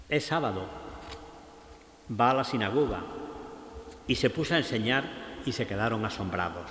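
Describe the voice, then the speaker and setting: A man with an Andalusian Spanish accent giving a Lenten sermon as a priest, slow and reflective, asking rhetorical questions. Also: mid-range voice, fairly bright tone. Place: large church. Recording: echoey church with long reverb.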